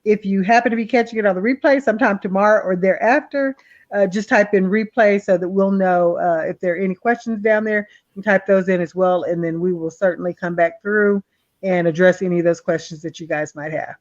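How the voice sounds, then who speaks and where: A woman's voice: mid-range voice, a little fast. Sleepy woman co-host, slightly dull sound. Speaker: co-host of a live seller stream. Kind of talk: casual live-stream chat.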